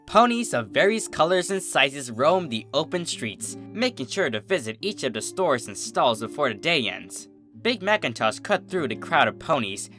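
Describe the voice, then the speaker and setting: In a mid-range voice, a narrator performs a piece of fan fiction, delivering the scripted tale with lots of expression.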